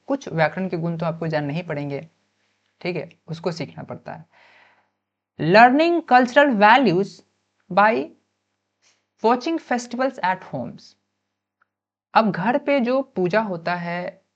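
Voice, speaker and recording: Woman teaching in a muffled lecture. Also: mid-range voice. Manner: explains by asking and answering her own questions, with frequent "ठीक है" check-ins; mixes in English terms and spells words out letter by letter. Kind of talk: exam-prep lecture.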